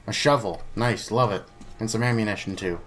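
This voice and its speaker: A man's voice: on the low side, a little fast, over music. A man giving casual let's play commentary, chatty and playful, talking to himself and to the enemies on screen. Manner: playful, jokey asides.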